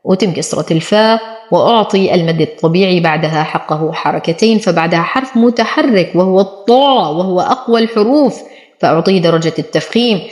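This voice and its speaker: A woman teaching Quran recitation rules, explaining each letter step by step and then saying the word slowly. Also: fairly low pitch, expressive, a little mellow. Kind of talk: tajweed lesson. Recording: echoey room.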